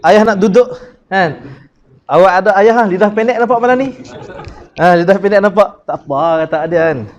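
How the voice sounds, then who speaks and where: A man with a Malaysian Malay accent teaching Quran recitation in a class, drilling syllables and chanting verses slowly. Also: sits high, highs cut off. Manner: drills sounds by repeating syllables, asks the class questions.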